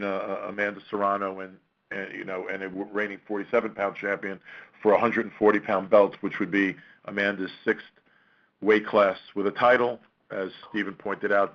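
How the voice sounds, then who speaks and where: Male call host, low and flat delivery, halting and measured, heard through a dull phone conference line. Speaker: boxing promoter hosting a press conference call. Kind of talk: introducing speakers on a media call. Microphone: telephone conference call.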